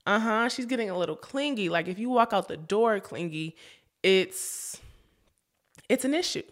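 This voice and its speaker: A woman's voice: mid-range voice, animated, moderate pace. A young woman hosting a casual podcast for moms, chatty, often laughing and calling her listeners y'all. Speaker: podcast host.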